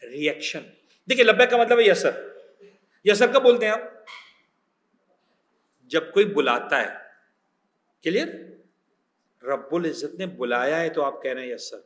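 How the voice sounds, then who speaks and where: A man with a Pakistani accent teaching a religious class as a cleric, animated, mixing in English words and checking that his listeners follow. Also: a little high, reverberant. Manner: animated teacher, checks understanding with quick questions.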